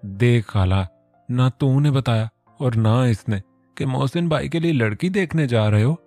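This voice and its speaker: A man voicing a quick-tempered young woman who scolds and sulks in a storybook reading. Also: medium pitch, mellow, dry recording, soft background music, natural voice. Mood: fiery. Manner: scolding, sulky.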